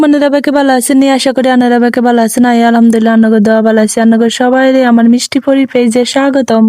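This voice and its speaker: A Bangladeshi cooking vlogger with a Chandpur Bengali accent provides casual voice-over narration for her home cooking video. She rambles chattily and pokes fun at herself. Her voice is warm and fairly high, recorded cleanly in a studio with no echo.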